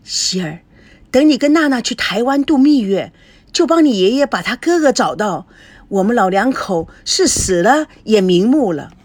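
Elderly grandmother in an audiobook, a woman reading her, tender and coaxing, breathy mid-range voice. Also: on the high side, expressive, normal speed, dry recording.

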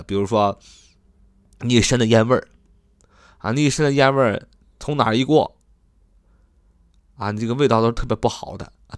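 A man teaching English vocabulary in a chatty lesson, spelling words out letter by letter and repeating them slowly. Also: mid-range voice, no echo, studio quality. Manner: frequent "啊" fillers, chatty.

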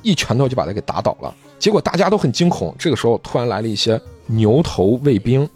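Animated man retelling a manga story. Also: mid-range voice, fast talker, breathy edge, soft background music. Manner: animated retelling, briefly voicing characters in quotes. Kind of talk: casual storytelling chat.

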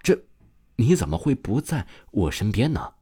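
A man reading the lines of an excited teenage boy who stammers when flustered in a storybook tale. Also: fairly low pitch, normal speed. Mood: eager.

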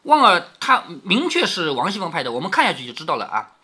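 A man's voice: high-pitched, wildly swooping pitch, quick pace, sharp tone, husky. A man reading a classic novel aloud to his daughter, explaining it in a conversational way and asking her questions. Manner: conversational, asks questions of the listener.

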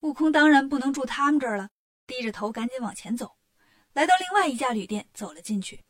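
A woman narrating a children's story with lively, chatty warmth in her delivery. Her voice sits fairly high, and she moves the tale along with an easy, colloquial manner. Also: quick pace.

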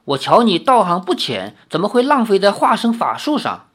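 A reader voicing a gentle, composed young sorceress who admonishes calmly and patiently. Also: medium pitch, normal speed, slightly rough, pitched above the performer's own voice.

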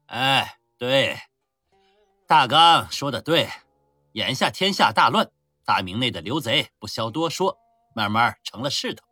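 A man voicing a boastful, hard-drinking Ming army general who talks loudly and scornfully. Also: mid-range voice, big pitch swings, measured pace, husky, no echo, clean studio sound, soft background music, full character voice. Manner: loud, swaggering, scornful.

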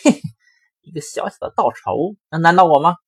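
A man's voice: expressive, a little fast, husky, no echo, studio quality. A man voicing a sly, boastful big grey wolf in a children's storybook tale, crying out in a raised, sneering voice. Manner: loud, sneering cries pitched well above the narration.

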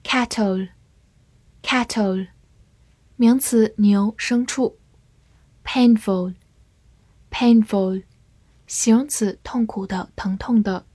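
A woman teaching English vocabulary in a deliberate drill, saying each word twice and then giving its part of speech and meaning. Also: mid-range voice, fairly even intonation, warm tone, dry recording.

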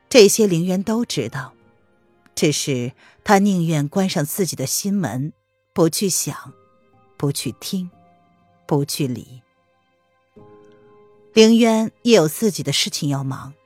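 A woman narrating a palace romance novel as an audiobook, in an expressive storytelling manner. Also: on the low side, no echo.

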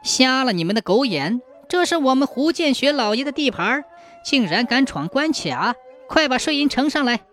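A woman voicing a band of bullying male toll-gate soldiers who bark their demands fast in a raised, higher voice. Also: very animated. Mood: menacing. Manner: barking, bullying, rapid.

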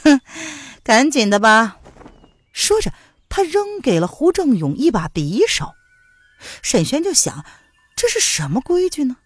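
A woman narrating a martial-arts novel in a lively, expressive storytelling manner. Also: sits high, unhurried, dry recording.

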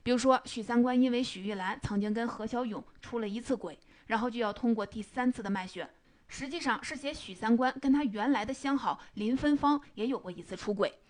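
A woman retelling and analyzing a novel in a measured, explanatory storytelling manner. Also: fairly high pitch. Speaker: book commentator.

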